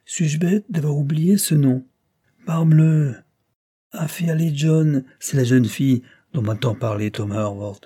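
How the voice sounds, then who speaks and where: Man reading smug army captain, evasive, mellow husky tone. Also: a little high, measured pace, pitched above the performer's own voice. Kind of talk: audiobook character voice.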